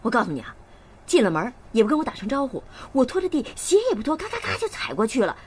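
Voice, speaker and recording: An actress playing a sharp-tongued middle-aged mother who nags and scolds her family, in a TV drama. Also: on the high side, wildly swooping pitch, quick pace, a little hiss or hum. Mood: complaining. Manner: nagging, scolding, sarcastic. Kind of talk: TV drama acting.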